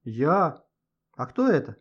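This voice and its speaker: Male narrator doing an excitable schoolboy, loud and eager, lively husky voice, lo-fi audio. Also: a little high, takes it slowly, heavily acted. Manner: shouting eagerly. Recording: dull lo-fi audio.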